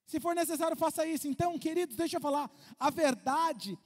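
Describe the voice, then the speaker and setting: A Brazilian pastor with a strikingly high voice preaches a lively sermon, firing questions at his congregation and acting out what people say. His words ring out with the long reverb of a large church hall. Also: brisk. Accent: Brazilian Portuguese. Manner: lively, asks the congregation questions, acts out quotes. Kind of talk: animated sermon.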